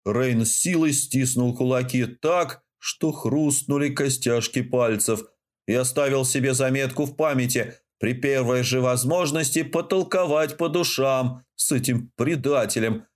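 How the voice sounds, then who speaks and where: A man reading a novel aloud as an audiobook narrator, with steady, even storytelling. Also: medium pitch, unhurried. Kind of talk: scripted narration.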